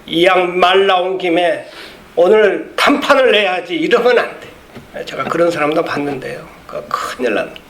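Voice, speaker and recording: A man's voice: on the high side, moderate pace, vocal fry, a bit bright. A male pastor preaching an emphatic sermon and leading the congregation in reading aloud, in a church. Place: church sanctuary. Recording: echoey church room, faint background noise.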